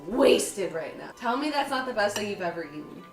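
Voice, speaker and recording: A young woman from upstate New York hosting a casual home vlog, excitable and gushing, swearing freely as she chats. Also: mid-range voice, a little fast. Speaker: channel host. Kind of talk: casual chat. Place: home kitchen. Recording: echoey room, faint music.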